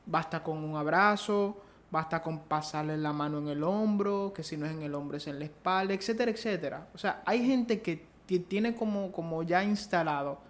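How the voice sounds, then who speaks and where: A woman's voice: low voice, moderate pace. A woman interviewing a guest in a casual podcast conversation, thinking aloud as she asks her questions.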